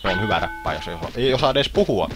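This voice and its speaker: A Finnish let's player with a low, animated voice comments playfully on the video game he's playing, often giving the creatures silly voices. Loud game music plays behind him.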